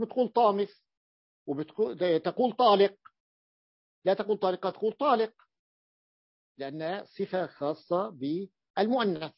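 A man teaching an Arabic grammar lesson, explaining slowly, often repeating and restarting words as he works through a point. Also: high-pitched, no room sound. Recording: dull lo-fi dry recording.

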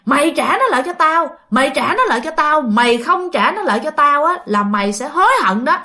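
A fierce, fanged old hag with a Southern Vietnamese accent, spitting curses and threats in a spoken ghost story, as a woman narrator puts her on. The voice rides high and bright, leaping about in pitch. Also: lively intonation, fairly quick. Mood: snarling. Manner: snarling, cursing threats.

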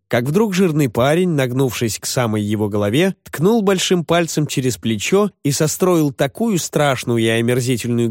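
A man reading a classic novel aloud as an expressive audiobook narrator. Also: mid-range voice, no echo. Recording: dry close audiobook recording.

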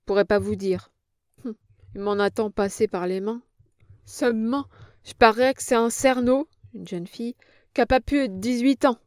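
A coarse old crone who whines and wails in a high, quavering pitch, loud and plaintive, as a woman reading the book puts her on. It is a dry, close storybook recording. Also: normal speed, no room sound, close to an everyday voice. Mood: whining, frightened. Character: old vulgar female innkeeper, whining and scared.

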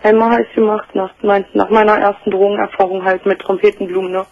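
A man's voice: high-pitched, level tone, quick pace, gravelly. A man calling a late-night phone-in, chatting in a casual, colloquial way over the telephone. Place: phone call to a radio studio. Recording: dull phone line.

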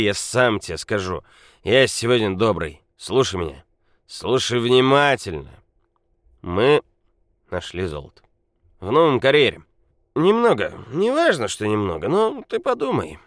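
Drunk blustering mine boss, slurring and loud, voice jumping high , as a male narrator puts him on. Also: lively intonation, a little fast, no echo, clean studio sound, close to an everyday voice. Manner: slurring, shouting, swaggering. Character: drunk boastful male quarry owner, loud and unruly.

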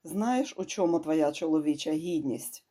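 The audiobook narrator voicing a desperate male doctor who goads his captor in an urgent voice that is close to shouting. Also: medium pitch, moderate pace, lightly acted. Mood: goading.

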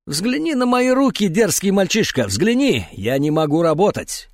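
A man voicing an agitated old man, hoarse and wheezing, who shouts his complaints in a raised, strained voice. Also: sits high, big pitch swings, moderate pace, dry recording, clean studio sound, pitched above the performer's own voice. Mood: furious. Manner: furious, shouting.

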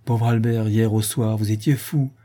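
A man reading an audiobook and voicing a tender, forgiving young woman singer who speaks softly and slowly. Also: fairly low pitch, steady tone, lightly acted.

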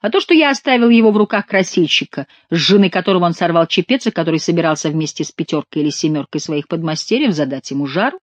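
A woman's voice: fairly low pitch, animated, quick pace, hardly any pauses, no echo. A woman voicing an indignant young male courtier who talks with bitter sarcasm.

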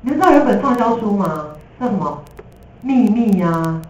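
A woman teacher with a Taiwanese Mandarin accent gives a lively, jokey classroom lecture, slipping in English terms. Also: medium pitch, moderate pace, lo-fi sound. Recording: echoey room from a distance.

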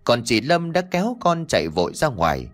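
A man narrating a horror audiobook in a dramatic, expressive way. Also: mid-range voice, fairly quick. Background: faint music.

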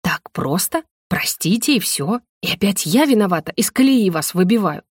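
A hot-tempered young noblewoman, voiced by a woman reading the story aloud, tossing off sharp, indignant retorts at a middle pitch. The recording is close and dry, with no room sound behind it. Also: expressive, normal speed, husky, no echo.

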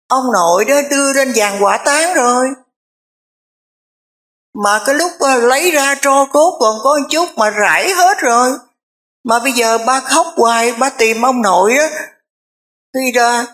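Woman doing a calm, insistent young son. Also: sits high, pitched above the performer's own voice. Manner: patient, reasoning, repeating phrases.

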